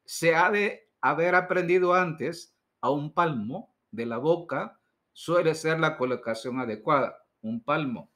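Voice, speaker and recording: Male instructor, slightly high-pitched, measured teaching delivery, gives direct practical advice. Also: a bit bright. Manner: deliberate, stresses key words slowly; direct, addresses listener with advice. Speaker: liturgy instructor. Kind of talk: instructional talk.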